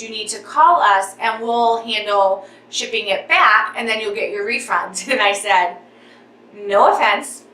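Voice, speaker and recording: A young woman telling a customer service story in an animated vlog, talking with her hands and getting worked up until she is nearly out of breath. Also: on the high side, recorded from a distance, a little hiss or hum. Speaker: vlogger. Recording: echoey room, voice a bit off-mic.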